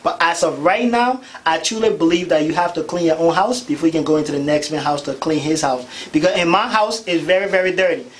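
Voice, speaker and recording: A man's voice: a little high, fast talker, hardly any pauses, rough recording. A young man from Liberia, a guest on a radio talk show, speaking earnestly and repeating words for emphasis into a studio mic. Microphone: studio boom mic.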